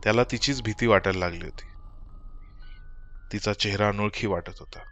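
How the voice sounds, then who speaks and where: Low-voiced male horror storyteller. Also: normal speed, fairly bright tone, faint music behind. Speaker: audiobook narrator. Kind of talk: scripted horror narration.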